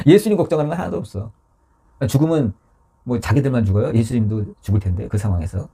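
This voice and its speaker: Very husky, animated male preacher. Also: medium pitch, a little fast. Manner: animated preaching, acting out scripture voices, dropping to whispers for emphasis. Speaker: pastor. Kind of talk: sermon. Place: church.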